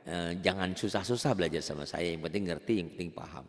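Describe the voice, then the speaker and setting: A man teaching beginners Quran recitation rules in a casual, chatty way, chanting slow drawn-out examples. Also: sits low, big-room sound. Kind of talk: online tajwid lesson for beginners.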